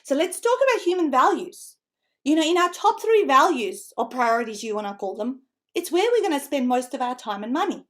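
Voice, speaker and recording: Here a middle-aged woman, a native Macedonian speaker from North Macedonia, leads an online seminar on book writing in a high, fairly quick voice. Her Australian accent has a Macedonian tinge. Energetic and talkative, she keeps laughing and adding tag questions.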